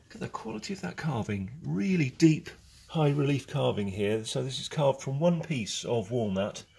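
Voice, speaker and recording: Here is a forties-aged English auctioneer giving a relaxed tour of a big, crowded saleroom, chatty and full of chuckles as the handheld camera trails him. He has a medium-pitched, slightly mellow voice with some vocal fry. The walking camera mic picks up plenty of saleroom noise.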